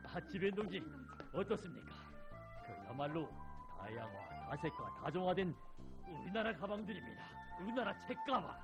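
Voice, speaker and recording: An actor with a North Korean accent playing a fussy, comically grumbling factory team leader in a drama. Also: male voice, high voice, big pitch swings, moderate pace. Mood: proud, eager. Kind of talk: North Korean film or stage drama acting. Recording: dull audio, loud music behind.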